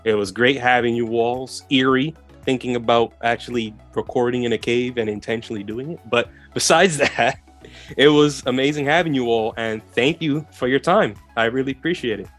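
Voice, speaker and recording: A man's voice: medium pitch, normal speed, fairly bright tone. Male podcast host with music behind him. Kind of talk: casual podcast interview.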